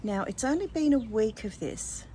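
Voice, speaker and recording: A woman's voice: a little high, lively intonation, normal speed, mellow, a little hiss or hum. An older woman with an Australian accent chatting casually and effusively to her vlog viewers. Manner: effusive, addresses listeners as darlings. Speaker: vlogger.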